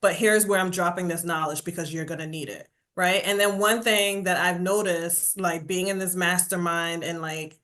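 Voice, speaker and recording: This Jamaican burnout coach, New York accent and all, chats casually as a podcast guest, acting out what people said and repeating "right?" again and again. Her voice is lowish and moderately paced, with hardly any pauses.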